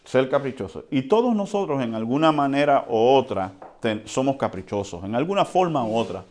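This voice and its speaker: A man preaching a sermon in a conversational way, often checking in with the congregation and swinging between quiet and loud. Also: medium pitch, brisk. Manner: lively swings between soft and loud, with chuckles. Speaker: pastor.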